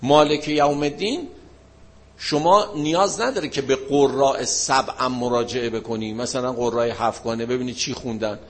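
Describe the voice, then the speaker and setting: A man giving an informal religious lesson, explaining points and asking and answering his own questions. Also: medium pitch. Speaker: religious teacher.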